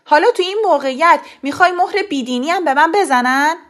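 A woman voicing an angry middle-aged father who scolds his wife in loud, harsh outbursts. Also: high voice, voice pushed up. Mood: angry, scolding. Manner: shouting angrily, scolding.

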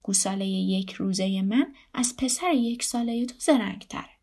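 A woman's voice: medium pitch, a little mellow, close to an everyday voice. A woman voicing a boastful cow who brags about her calf in a smug tone.

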